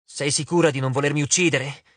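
A man's voice: on the high side, fairly even intonation, a little fast, a bit bright, no echo. A man voicing a clever, determined teenage girl for a storybook, talking in a coaxing, persuasive way.

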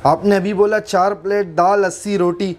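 High-voiced teasing prankster man. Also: little pitch movement, moderate pace. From Pakistan. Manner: teasing, feigns confusion, cheeky insults. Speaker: prankster posing as waiter. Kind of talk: prank role-play.

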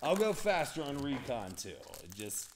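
A young man hosting a live card break, chatting and rambling excitedly to viewers as he calls out cards. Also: medium pitch, unhurried, background noise. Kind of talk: casual live-stream card break commentary.

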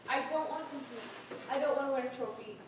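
A woman's voice: high voice, noisy background, lightly acted. A young woman playing an earnest teenage schoolgirl. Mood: remorseful. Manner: earnest, halting confession. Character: troubled teenage girl student giving a speech. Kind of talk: community theater stage play. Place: theater stage. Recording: echoey hall from far off.

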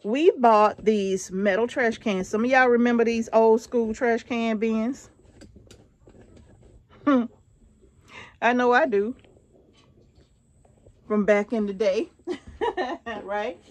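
A woman's voice: fairly high pitch, extremely slow, pauses often. A middle-aged woman, chatting casually to viewers as she shows around her barn, checking in with them often. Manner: chatty, addresses viewers directly with frequent check-ins. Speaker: homesteader vlogger. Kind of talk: casual show-and-tell vlog. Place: open wooden barn outdoors. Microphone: phone at arm's length.

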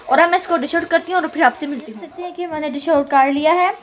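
Talking very fast in a high voice, a cooking channel host runs through a home recipe step by step in a friendly, casual voice-over sprinkled with English words. Her home kitchen is noisy with frying and stirring.

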